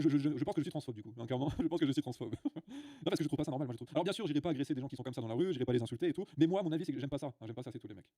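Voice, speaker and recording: A man's voice: medium pitch, mellow, no echo, studio quality. A man hosting a livestream, ranting bluntly to his viewers with many filler sounds and restarts. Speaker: livestream host. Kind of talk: casual livestream rant.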